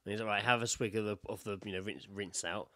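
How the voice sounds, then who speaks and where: Sweary and animated, this British podcast co-host spins anecdotes in a casual way, performing other people's quotes as he goes. He speaks fast with a fairly low pitch, and the clean studio sound has no echo.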